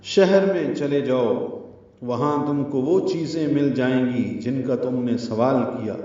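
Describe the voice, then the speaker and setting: A man's voice: mid-range voice, mellow. Man teaching tajweed in an echoey room. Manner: explains rules step by step, sometimes chanting short examples. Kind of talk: tajweed lesson. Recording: echoey, distant, muffled recording.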